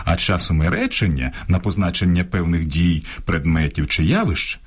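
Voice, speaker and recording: Husky low-voiced male radio presenter. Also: big pitch swings. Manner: measured, instructive contrasts of correct and incorrect usage. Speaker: radio language program presenter. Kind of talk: scripted radio reading. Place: radio studio.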